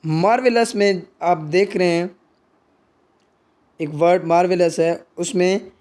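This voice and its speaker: A male teacher with a high voice takes his time through the lesson. He reads each English definition at a crawl and then explains it in Hindi. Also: steady tone, takes it slowly, darkish tone. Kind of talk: Hindi lecture on English poetry.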